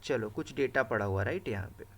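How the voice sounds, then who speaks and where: A man's voice: mid-range voice, animated, a little fast, heavy background noise. A man teaching a live command-line class, explaining each step and checking in with "right?" and "okay" as he types. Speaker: instructor. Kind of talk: live screen-share coding class.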